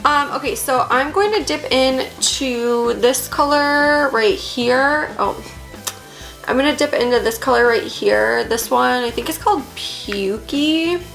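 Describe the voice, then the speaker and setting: Young woman, beauty vlogger, chatty and rambling, slightly high voice with vocal fry, soft music under. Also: steady tone, unhurried, low-quality recording. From Upper Peninsula, Michigan. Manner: chatty, many "like" fillers; slight lisp at times. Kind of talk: casual get-ready-with-me chat.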